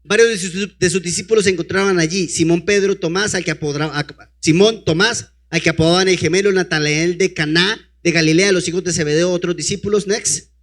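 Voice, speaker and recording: A man's voice: sits high, fairly even intonation, fairly quick, a bit bright. A man preaching a sermon, reading scripture aloud and breaking in with rhetorical questions to the congregation. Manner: calls out to a helper to advance the slides.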